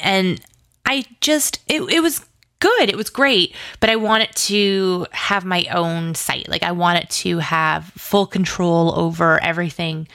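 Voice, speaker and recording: A woman appears as an interview guest, a creator of a podcast and pop culture site, chatting casually, enthusiastically, and at length while saying "like" very often. Her voice is lowish with a fairly bright tone. The recording is studio quality with no room sound.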